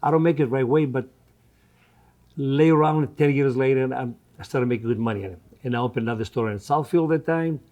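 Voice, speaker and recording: Brisk and dark in tone, this mid-range male voice belongs to a Greek man in his seventies who owns a restaurant. In an interview, he talks conversationally in his native Greek-accented, non-native grammar, often repeating his phrases.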